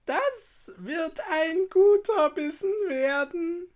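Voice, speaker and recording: A woman voicing a wicked, scornful old witch in a storybook reading, shrill and mocking. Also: lively intonation, drawn-out words, exaggerated voice. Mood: gloating.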